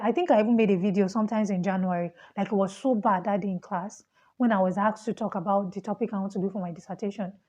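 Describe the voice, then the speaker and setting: A young woman with a Nigerian accent, a fast talker who laughs often as she speaks casually to camera about being a student. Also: medium pitch, dark tone, dull audio. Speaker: vlogger, international student.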